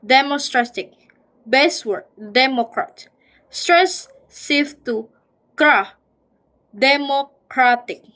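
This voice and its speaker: A woman's voice: high voice, animated, slow, fairly bright tone, poor audio. A woman with an Indonesian accent, a student reading a phonology exercise aloud and sounding out words syllable by syllable. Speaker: student presenter.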